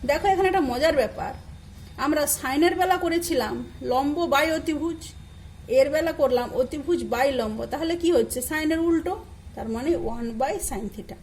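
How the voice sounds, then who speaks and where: A woman's voice: sits high, normal speed, a little hiss or hum, poor audio. A woman teacher with a Bengali accent giving a recorded math lesson. She is patient, spells out terms letter by letter, and asks questions that she then answers herself. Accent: Bengali, from eastern India. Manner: patient, repeats key terms and spells them out.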